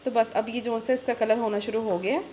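A chatty woman talks her viewers through a recipe, filmed on a phone camera in her home kitchen. Her voice sits fairly high, and a faint hiss of noise runs under it. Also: fairly even intonation, fairly quick, mellow. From Pakistan. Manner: chatty, repeats filler phrases, addresses viewers directly. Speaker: cooking channel host. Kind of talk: home cooking tutorial.

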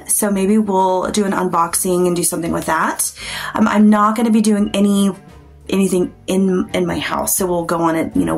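A woman in her forties chatting casually to camera as a channel host, thinking aloud in a halting, rambling way. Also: on the low side. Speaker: paranormal vlogger and channel host. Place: small plain room indoors.

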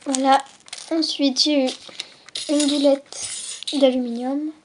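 A woman's voice: high voice, level tone, slow pace, noisy background. A young woman casually showing off a box of craft supplies item by item, hesitant and often trailing into a near whisper. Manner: lists items one by one, often drops to a near whisper; hesitant, with frequent fillers and self-corrections. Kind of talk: casual unboxing vlog.

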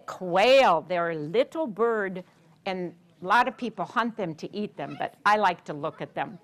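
Her voice is fairly low yet a bit bright, with lively intonation and a measured pace: an American woman in her 60s reading a picture book to young children. In a carpeted library program room, she keeps it interactive, teacherly and sing-song, often prompting with questions.

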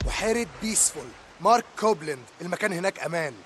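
A man's voice: sits high, lively intonation, very fast, fairly bright tone, slight background noise. An actor with an Egyptian Arabic accent voicing a tough, weary male biker drifter in a video game, curt and commanding.

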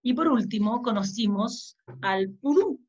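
A woman's voice: a little high, lively intonation, a little slow, a little mellow, muffled recording. A woman teaching an early-reading lesson to young children, patiently sounding out letters and words and asking them to read along.

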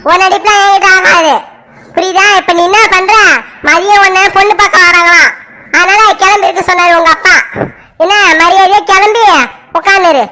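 A woman's voice: very high-pitched, fairly even intonation, moderate pace. A woman playing a strict middle-aged mother who scolds her daughter sharply in an amateur family drama. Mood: scolding. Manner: sharp, scolding, repeated "ஆ?" demands.

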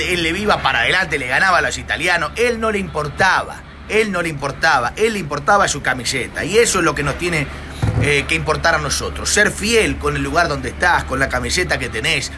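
Speaking in a slightly high voice over a noisy background, this Argentine pastor in his forties livestreams casually from a hot, sunny terrace. He holds his phone at arm's length, joking, exclaiming and tagging his lines with "eh".

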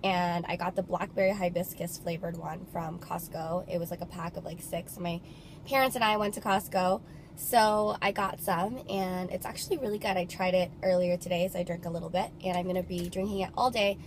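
A woman's voice: lowish voice, steady tone, a little fast, slight background noise. A young woman vlogging in a casual, chatty way, filling her talk with "like", her voice a little nasal from a cold. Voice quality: slightly nasal from congestion. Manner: bubbly, chatty, lots of filler "like". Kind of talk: casual vlog chat.

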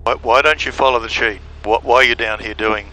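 A man's voice: mid-range voice, steady tone, fairly quick, bright, forceful tone, poor audio. A man giving direct, hands-on flight instruction in short explanatory phrases over a cockpit headset. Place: small aircraft cockpit. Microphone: aviation headset. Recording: aircraft headset intercom, faint engine noise.

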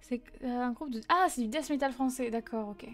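Answering her viewers' messages, a young streamer chats casually and animatedly at a fairly quick pace, dropping in frequent fillers. Her voice is high and light. Faint music can be heard behind her.

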